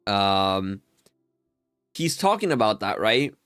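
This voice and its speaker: Soft background music plays as a young man streams Minecraft, slowly telling a long, rambling tale full of fillers and laughing exasperation. His voice is lowish, smooth, fairly bright and very animated, with no echo.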